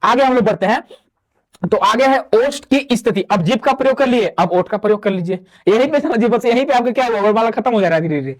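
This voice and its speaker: A man with a very high, expressive voice teaches Hindi grammar online for exam prep. He explains each step, raises questions and answers them himself, and mixes in drawn-out vowel demonstrations with chatty classroom asides.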